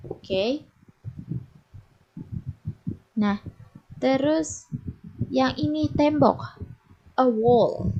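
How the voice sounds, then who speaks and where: Slow, patient Indonesian woman teacher. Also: on the high side, darkish tone, breathy edge. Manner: patient, repeats words slowly for students to echo. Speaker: English teacher. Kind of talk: classroom lesson for young teens.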